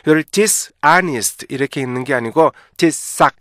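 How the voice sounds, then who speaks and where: A man teaching English pronunciation, explaining patiently and slowly drawing out example words, often checking in with the listener. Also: medium pitch, expressive, a bit bright, no echo, studio quality. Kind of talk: pronunciation lesson.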